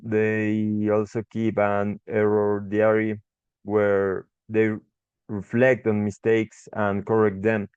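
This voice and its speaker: Speaking slowly and haltingly, a young Ecuadorian English tutor works through a class presentation, often restarting and saying "uh." His voice is low, smooth, and flat, in a dry, somewhat muffled recording.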